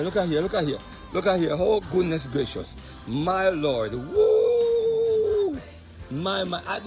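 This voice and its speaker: A man from Jamaica with a Jamaican accent, giving an excited walking-tour vlog outdoors among fruit trees. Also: fairly high pitch. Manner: exclamatory, excited, keeps repeating "look at this". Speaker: vlogger.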